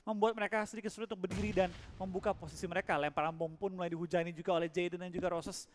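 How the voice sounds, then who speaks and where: Quick high-voiced esports caster man. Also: fairly even intonation, a little hiss or hum. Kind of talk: live esports commentary.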